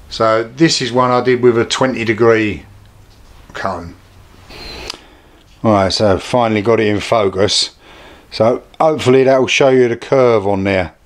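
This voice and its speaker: British male craft presenter, mid-pitched, plain-spoken and low-key, informal workshop-demo delivery. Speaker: hobby craft video host. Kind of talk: informal hands-on demonstration.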